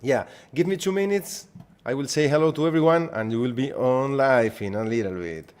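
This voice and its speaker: This man, a native Spanish speaker with a Spanish accent, runs a live trading webinar in a chatty style. His voice is medium-pitched and a little mellow at a normal speed, and he greets viewers by name, repeats himself often and restarts sentences.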